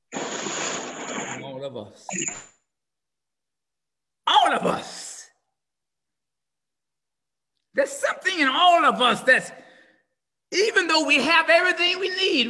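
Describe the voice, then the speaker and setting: Over a video call from a home room with window blinds, a middle-aged pastor preaches an impassioned sermon, his very high-pitched voice swinging from shouts to hushed near-whispers in a repetitive cadence. The webcam audio carries a long reverb.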